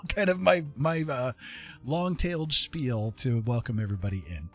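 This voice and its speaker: This digital artist hosts a casual art livestream, talking in a friendly, welcoming, rambling manner. His voice is medium in pitch and moderate in pace, with music playing behind it.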